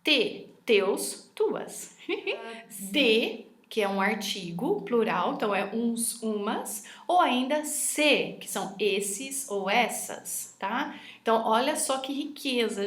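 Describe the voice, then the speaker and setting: Chatty lady teacher, kinda high voice, echoey room. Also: unhurried, fairly bright tone. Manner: chatty and enthusiastic, often ends with "tá?". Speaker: French teacher. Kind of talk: online lesson over slides.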